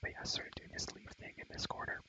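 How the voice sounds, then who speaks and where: This ASMR clip has a young man murmuring breathily and rambling in casual slang while showing a game world. He quietly repeats his lines and moves at a quick pace.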